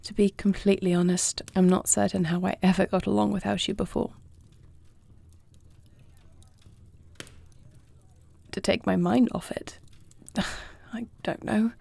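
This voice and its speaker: For a fantasy audio roleplay, a woman plays a compassionate, self-doubting young dragon queen, speaking formally and earnestly with soft intimacy. Her voice is medium-pitched and creaky, with no echo, and the mood is tender and apologetic.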